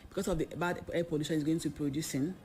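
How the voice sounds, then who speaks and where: A woman's voice: low voice, fairly even intonation, rapid-fire, dark tone. A woman guest explaining on a talk show, emphatic and fond of rhetorical questions. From Nigeria. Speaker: expert guest.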